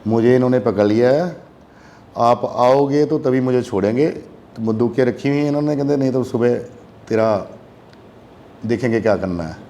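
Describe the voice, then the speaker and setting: Chatting casually, a guest musician spins a lengthy tale, animatedly voicing each character's quoted lines. He's a young man with a mid-range voice and a moderate pace.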